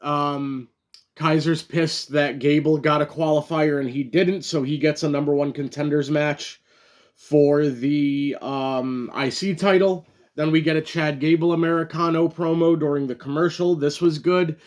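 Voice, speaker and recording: Male show reviewer, slightly high voice, loose chatty delivery with fillers and sudden enthusiasm. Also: fairly even intonation, unhurried. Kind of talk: casual solo review talk.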